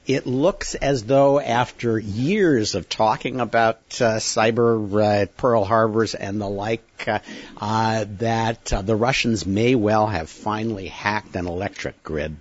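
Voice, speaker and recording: A man hosting a podcast, talking in a halting way with many fillers. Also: lowish voice, no room sound, highs cut off. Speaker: podcast host. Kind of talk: casual podcast chat.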